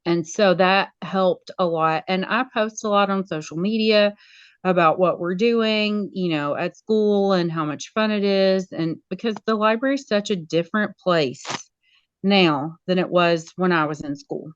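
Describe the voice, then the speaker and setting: A woman, a school media specialist, talking casually as an interview guest in an animated way. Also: fairly low pitch, a little slow, clean tone, no room sound, lo-fi sound. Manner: animated, acts out quoted voices.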